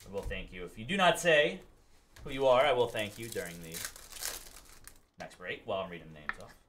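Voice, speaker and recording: A man's voice: on the low side, animated, brisk, noisy background. A man in his thirties hosting a live card break in a studio, reading out cards and thanking buyers by name.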